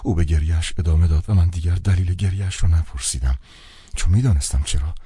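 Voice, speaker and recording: Low, husky male audiobook narrator. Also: dark tone, dry recording. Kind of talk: scripted narration.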